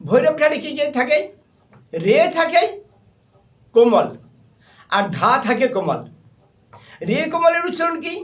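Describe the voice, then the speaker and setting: A man's voice: extremely high pitch, very animated, measured pace, long pauses, recorded from a distance. A man with a Bengali accent teaching a harmonium and keyboard class, firmly repeating points and naming notes as he plays. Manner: firm, repetitive, stern reminders to students; names and sings note syllables while playing. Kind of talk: music lesson. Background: keyboard playing.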